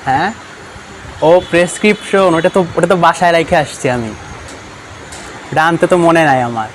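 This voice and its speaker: A man's voice: on the high side, animated, normal speed, a bit bright, a little hiss or hum, poor audio. A young man playing a fumbling fellow who hesitantly makes up excuses. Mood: evasive.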